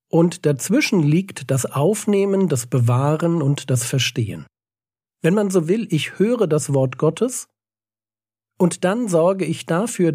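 A man's voice: a little high, mellow, slightly rough, no echo, clean studio sound. A man teaching the Bible on a podcast in an earnest, emphatic way, reading scripture passages aloud.

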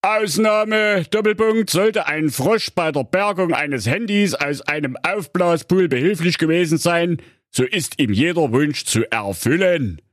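A man's voice: on the high side, expressive, measured pace, dry recording, studio quality, voice pushed up. A man voicing a pompous, officious middle-aged father who reads out rules pedantically.

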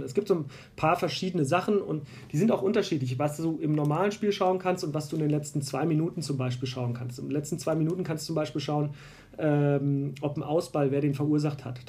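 A man from Berlin talks through refereeing rules in a relaxed conversation. His voice is gravelly and dark and sits a little high for a man. He circles back with fillers and restarts as he explains. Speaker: basketball referee, guest. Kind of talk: casual conversation.

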